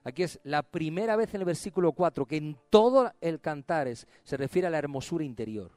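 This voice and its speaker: A man preaching a sermon, swinging between emphatic exclamations and quiet, low drops. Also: lively intonation, a little fast, no room sound.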